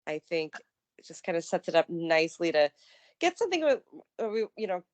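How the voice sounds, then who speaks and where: A woman with a lowish voice co-hosts a casual recap show. She chats in an upbeat, loose way, full of "um" and restarts. The sound is dry and close, with no room echo. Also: big pitch swings, fairly quick. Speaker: co-host of a wrestling news show.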